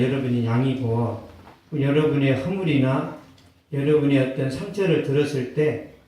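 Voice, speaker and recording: A male pastor preaching a sermon, telling a personal story with acted quotes and bursts of loud emphasis. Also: medium pitch, distant mic. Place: church sanctuary. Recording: echoey church hall, mic from afar.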